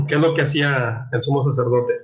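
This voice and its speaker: A man teaching a catechism class, reading scripture aloud and explaining it with many restarts, throat clearing and questions to his listeners. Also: medium pitch, a little hiss or hum, poor audio. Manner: halting, repeats words, frequent throat clearing, asks "¿verdad?".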